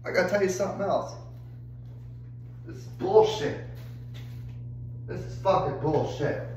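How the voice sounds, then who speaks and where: A man's voice: high-pitched, a little slow, a little mellow, echoey room, poor audio. A young adult man ranting angrily and profanely to camera, exasperated and swearing constantly. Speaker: vlogger. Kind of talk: angry rant to camera.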